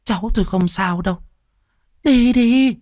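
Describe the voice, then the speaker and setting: A man voicing a worried, stern old grandmother, speaking low and urgent. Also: a little slow, a little mellow, no echo, clean studio sound. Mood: grave.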